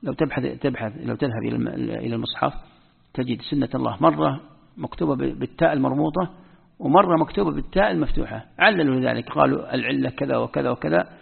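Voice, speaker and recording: Tinny, phone-like audio from an echoing hall carries a man's quick, mid-range voice with vocal fry and slight roughness. He's an Islamic scholar giving a patient spoken lesson on Quran script rules, repeating the important words as he goes.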